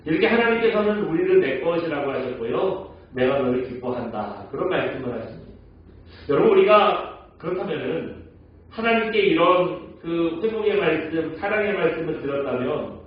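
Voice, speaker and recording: A man preaching a Sunday sermon as pastor. He tells stories, asks the congregation questions and acts out quoted lines in a softer, slower voice. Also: a little high, lively intonation. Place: church sanctuary. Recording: echoey church hall, mic at a distance, dull sound.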